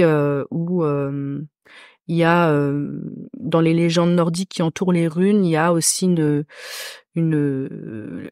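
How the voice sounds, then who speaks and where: A woman from Corsica, a podcast guest who reads runes, talking casually with many hesitant pauses. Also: low voice, warm tone, dry recording, clean studio sound. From Corsica, France. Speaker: podcast guest, rune reader. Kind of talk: casual chat.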